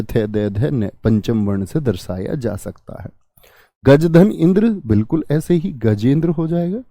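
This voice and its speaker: A teacher drilling grammar rules. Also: male voice, fairly high pitch, dark tone, no echo, clean studio sound. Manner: asks and answers his own questions, repeats key words. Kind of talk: online grammar lesson.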